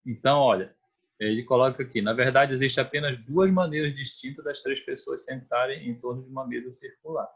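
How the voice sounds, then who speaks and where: A man's voice: medium pitch, fairly quick, slightly rough. A man with a Brazilian Portuguese accent teaching a math lesson online, explaining step by step and often checking in with his students. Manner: conversational, restarts phrases while drawing. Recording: dull lo-fi online class audio.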